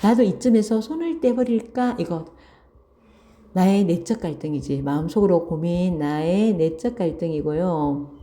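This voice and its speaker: Bright-voiced woman teaching a story. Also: lowish voice, expressive. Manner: reads passages aloud, then restates key words slowly and asks "그치?". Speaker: Korean language teacher. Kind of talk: online literature lesson, reading and explaining a story.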